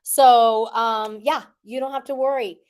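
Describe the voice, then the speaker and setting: A woman's voice: a little high, steady tone, a little slow, a little mellow, smooth. A middle-aged woman hosting a weekly livestream, chatting casually with viewers in a rambling, playful way full of fillers.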